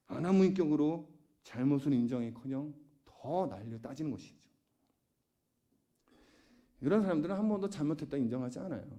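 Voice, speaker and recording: A man's voice: fairly high pitch, warm tone. A man pastor preaching a sermon, often putting questions to the congregation. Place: church sanctuary.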